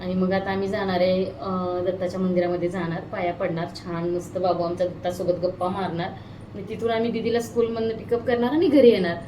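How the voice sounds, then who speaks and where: Filming a family vlog on a handheld phone, a Maharashtrian mother in her thirties chats casually and coaxes her toddler with questions. She speaks briskly with a fairly low, dark, steady voice, and there is slight background noise.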